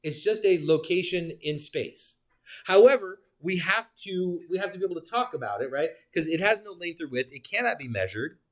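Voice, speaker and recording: Lively male geometry teacher lecturing. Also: high voice, moderate pace. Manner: animated, joking asides, talks to students. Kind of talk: classroom lecture.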